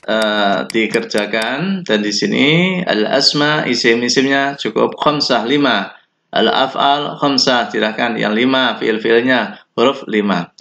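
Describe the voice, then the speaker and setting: Indonesian guy teaching arabic, slow n gravelly, kinda muffled recording. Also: medium pitch, fairly bright tone. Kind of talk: recorded online lesson. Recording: dull lo-fi recording.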